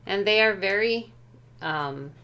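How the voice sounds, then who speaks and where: Slow, careful woman showing a tarot deck. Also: mid-range voice, expressive, highs cut off. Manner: careful and tentative, often unsure of translations. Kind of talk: unhurried show-and-tell walkthrough. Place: at home.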